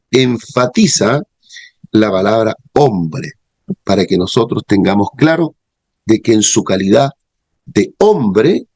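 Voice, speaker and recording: A man's voice: on the low side, a little mellow, slightly rough, dry recording. A man teaching a theology class, explaining terms and checking in with his students. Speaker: theology professor. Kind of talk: classroom lecture.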